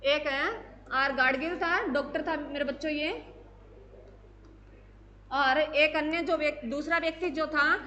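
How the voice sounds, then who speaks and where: A woman's voice: high voice, steady tone, measured pace, long pauses, pushed and bright. A woman teacher giving an exam-prep lecture, asking questions and answering them herself, often calling her students "my children".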